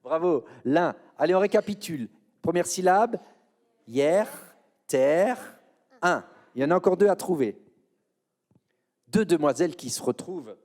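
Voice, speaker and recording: A man's voice: fairly high pitch, lively intonation, unhurried, long pauses, darkish tone. A man with a French accent presenting a church children's show, playfully coaxing answers from the audience in a quiz. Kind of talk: leading an interactive quiz with an audience.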